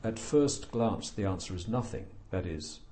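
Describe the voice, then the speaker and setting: An older man speaks in a very deep, mellow voice, answering interview questions at a measured, reflective pace. He pauses often with fillers and slips in dry, understated humor. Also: lively intonation. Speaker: author being interviewed.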